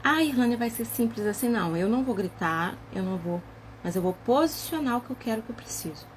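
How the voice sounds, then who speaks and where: A woman talking casually in a book club discussion, acting out quoted dialogue with lively emphasis. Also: fairly high pitch, quick pace, a little hiss or hum. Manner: animated, acts out quoted dialogue. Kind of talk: casual chat.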